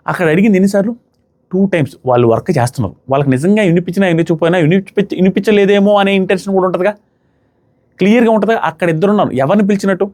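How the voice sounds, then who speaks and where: A young man with a high, slightly mellow voice talks rapid-fire as he reviews a reality show. His opinionated commentary is emphatic and argumentative, hammering the same points again and again.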